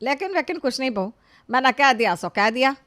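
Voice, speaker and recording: A woman voicing a stern older mother-in-law who gives orders and scolds loudly. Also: high-pitched, expressive, brisk, no echo. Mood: commanding. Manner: loud, harsh scolding.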